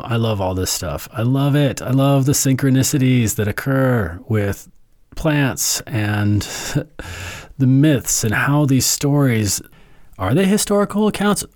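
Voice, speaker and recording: A man's voice: mid-range voice, a little mellow, dry recording, studio quality. A man teaching herbalism in a casual lecture, rambling enthusiastically through myths with many fillers. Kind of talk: casual lecture with myth retelling.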